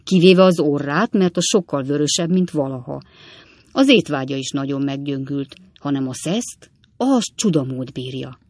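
Lady reading an audiobook doing a slow old coachman dad, low and drawly, dry sound. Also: expressive, a little mellow, no echo. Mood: solemn. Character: old male coachman, fond, slow-spoken father.

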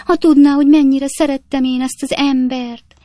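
A self-pitying married lady in a storybook, put on by a woman reader, wails and sobs her grievances in a high, strained voice. The sound is close and dry, with no room around it. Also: warm tone, no echo, natural voice. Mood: sobbing. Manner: sobbing, wailing, dramatic.

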